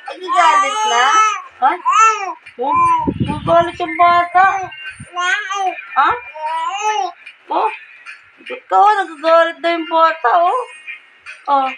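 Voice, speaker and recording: A woman's voice: very high voice, takes it slowly, pauses often, low-quality recording. A mother talking baby talk to her infant in a coaxing, sing-song way. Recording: loud music over the voice.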